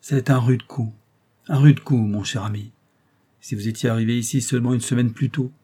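A man's voice: mid-range voice, fairly even intonation, normal speed, mellow, husky, natural voice. A man doing a flustered, fawning old man. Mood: mournful. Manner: fussy, repetitive and placating. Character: shabby, flustered old father-in-law, fawning and nervous.

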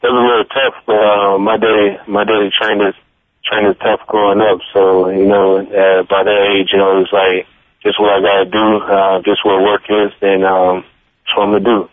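Man in his 20s, deep-ish monotone, halting speech, tinny drive-thru speaker phone sound. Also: dry recording. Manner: halting, unhurried, searches for words. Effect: muffled tinny phone line, like a drive-thru speaker. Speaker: pro football player guest. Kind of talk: radio interview over the phone. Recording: tinny, dry phone line.

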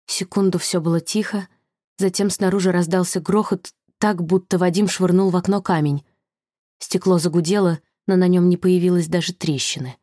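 Casting: woman audiobook reader, low, mellow, close and dry, steady tense telling. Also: no room sound. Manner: measured, tense storytelling. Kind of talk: scripted thriller narration.

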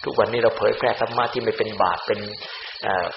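Male monk preacher, lively delivery, recorded dull with a faint hiss. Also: mid-range voice, fast, creaky, roomy sound. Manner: animated, acts out other people's words in quoted voices. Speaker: Buddhist monk. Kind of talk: Dhamma sermon.

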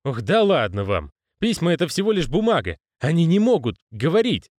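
A man's voice: a little high, sing-song, a little fast, a little mellow, dry recording, clean studio sound, pitched above the performer's own voice. A male reader voicing a jittery young conman who talks in a raised, flustered, protesting way. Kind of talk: audiobook character reading.

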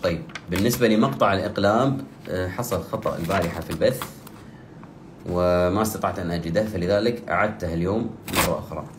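A man with a lowish voice teaches recitation rules, pausing to chant each example phrase slowly and repeat it. He sounds like he is in a roomy space that echoes, with a faint hiss of ambient noise behind him. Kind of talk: tajweed lesson with recited examples.

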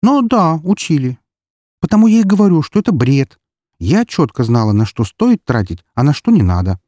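A scoffing young woman with a quick, teasing tongue, as a male narrator puts her on in an audiobook. Her voice sits well above the reader's own and swings up and down as she argues. She sounds dismissive one moment and defensive the next. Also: fairly high pitch, very animated, no room sound, studio quality, pitched above the performer's own voice. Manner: scoffing, sharp and a bit defensive. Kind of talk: audiobook character voice.

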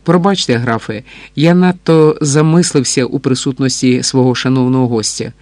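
A man's voice: mid-range voice, darkish tone, no room sound, natural voice. A man reading as a proud, guarded Cossack chevalier. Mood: earnest. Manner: formal, measured. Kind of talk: audiobook dialogue reading.

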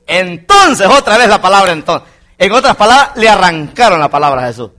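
Man, pastor, fervent sermon, bright voice, very lively pitch. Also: a little fast. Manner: fervent preaching, keeps addressing the congregation as brother. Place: church congregation.

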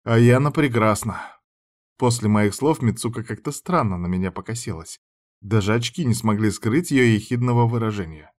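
A man reading a first-person story aloud in an even, matter-of-fact way. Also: on the low side, brisk. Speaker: audiobook narrator.

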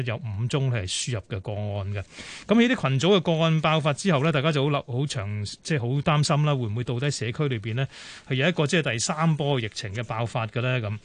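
A man with a Hong Kong Cantonese accent hosting a radio phone-in show, brisk and full of fillers. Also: mid-range voice, no echo. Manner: brisk, many fillers and pauses. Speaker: radio talk show host.

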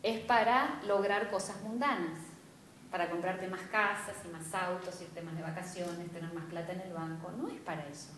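A woman's voice: fairly low pitch, fairly even intonation, normal speed, fairly bright tone, slight background noise. A woman with a Rioplatense Spanish accent giving a spiritual class lecture, engaging and often checking in with her students. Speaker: spiritual teacher. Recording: echoey room.

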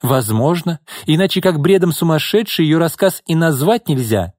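A man voicing a shrill, furious older woman. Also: animated, moderate pace, a little mellow, no room sound, clean studio sound. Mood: indignant. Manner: screeching, accusing.

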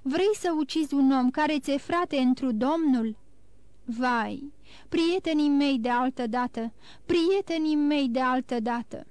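A woman's voice: sits high, darkish tone, no echo, natural voice. A woman voicing a starving, desperate male banker who begs for his life in broken, pleading cries, in an audiobook. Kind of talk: audiobook reading.

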